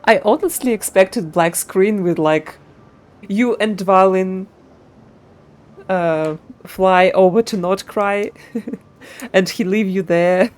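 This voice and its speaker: A woman streamer with a mid-range voice and slow pace provides live commentary on a video game, reading its lore aloud as well. Game music plays in the background.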